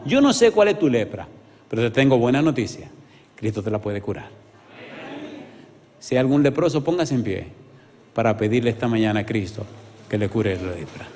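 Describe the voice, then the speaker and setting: A man preaching an evangelistic sermon, swinging between loud exclamations and hushed pleading and asking the congregation many rhetorical questions. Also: medium pitch. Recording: reverberant hall sound.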